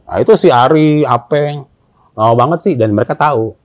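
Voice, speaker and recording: This man, a storyteller guest, tells a story in relaxed conversation at a moderate pace and medium pitch, with no echo. He brings it to life by acting out the dialogue in slang.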